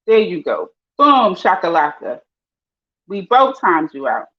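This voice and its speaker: A chatty Panamanian woman vlogger talks a little slowly during a casual live stream while cooking. She is lively and slangy, her voice swinging high when she gets excited, and the lo-fi audio sounds dull.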